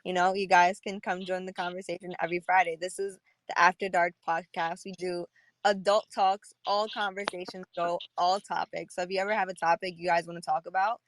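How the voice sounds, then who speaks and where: A young New York woman hosts a podcast as casual chat on a live audio panel, talking freely, laughing often and saying "like" a lot. Her voice is on the low side and flat, a little fast, in a low-quality recording with no echo.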